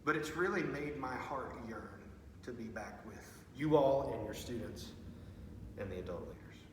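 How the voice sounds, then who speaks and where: A man speaking as a youth pastor in an informal video message, earnest and halting, with repeated words. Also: mid-range voice, animated. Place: large empty student ministry room with stage. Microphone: far from the speaker. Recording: very echoey hall, distant mic, faint noise.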